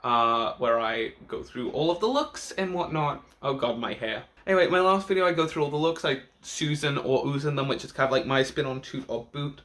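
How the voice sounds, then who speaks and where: A man's voice: mid-range voice, animated, fairly quick, few pauses, fairly bright tone. A man with the campy, catty manner of a drag queen, giving a casual, sweary reaction vlog with sassy slang and emphatic repetition.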